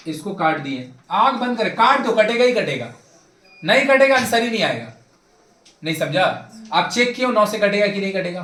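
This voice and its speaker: A young male maths teacher, briskly lecturing a class and repeating his points insistently. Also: sits high, a bit bright. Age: young adult. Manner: brisk and insistent, repeats himself, prods students. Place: classroom with a board. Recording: echoey classroom.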